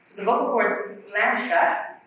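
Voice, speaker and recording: A woman giving a conference workshop talk about the voice, explaining patiently and demonstrating breathy and glottal sounds. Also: mid-range voice, a little slow, fairly bright tone. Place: conference hall. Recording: very echoey hall from far off.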